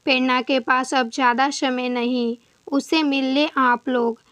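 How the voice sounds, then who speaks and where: A woman's voice: sits high, fairly even intonation, unhurried, fairly bright tone, no echo, studio quality. A woman voicing a solemn doctor who speaks in a grave, apologetic way.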